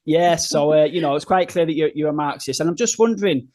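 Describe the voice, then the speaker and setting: Upbeat male podcast host, slightly high voice. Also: fast, a little mellow, dry recording. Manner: long, looping questions full of restarts; enthusiastic and complimentary. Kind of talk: conversational interview.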